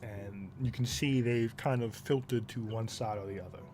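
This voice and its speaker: A man narrating a tabletop game as game master in a slow, deliberate storytelling manner. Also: fairly low pitch, fairly even intonation, noisy background.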